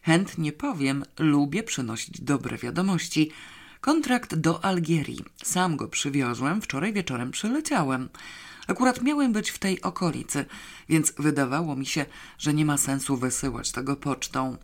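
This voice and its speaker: Reader as a cheerful, polite gentleman. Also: medium pitch, very animated, moderate pace. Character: cheerful, polite grown man messenger. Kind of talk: audiobook character voice.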